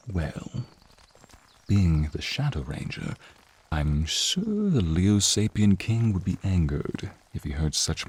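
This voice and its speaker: In an ASMR fantasy roleplay, a man voices a flirty serpentine naga prince who is suave, courtly and protective, with a wistful streak underneath. His exaggerated, low-pitched voice is soft, breathy and husky as he speaks directly to the listener. He teases and draws out his phrases.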